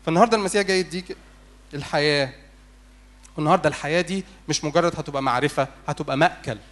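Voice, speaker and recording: A male priest with an Egyptian Arabic accent gives a church sermon at a rapid clip. His voice sits a little high for a man. He pleads with the congregation and keeps asking them questions. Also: a bit bright. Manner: urgent, pleading, asks the congregation rhetorical questions.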